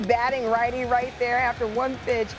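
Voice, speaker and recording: A woman presents a top ten sports countdown as a co-host. Her voice sits high, and she drops playful, chatty asides into the highlight commentary. Music plays prominently behind her. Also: flat delivery, moderate pace. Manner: conversational asides and playful reactions. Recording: loud music bed behind voice.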